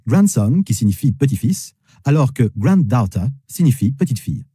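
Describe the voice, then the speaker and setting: A man teaching English vocabulary in French, slowly repeating each word three times. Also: medium pitch, sing-song, mellow, slightly rough, no room sound, studio quality. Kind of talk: language lesson with repeated pronunciation.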